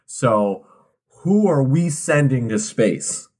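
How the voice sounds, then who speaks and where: A man's voice: medium pitch, animated, takes it slowly, a little mellow. A tipsy man co-hosting a podcast, laid-back and joking, often tripping over his words. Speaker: podcast co-host. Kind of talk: casual chat.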